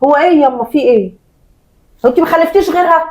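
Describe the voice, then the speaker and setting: A woman's voice: sits high, rapid-fire, darkish tone, close to an everyday voice, low-quality recording. A woman playing a reproachful eldest daughter and mother of four who resents her sister, speaking with an Egyptian Arabic accent in a family drama skit. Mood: indignant. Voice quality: indignant, reproachful.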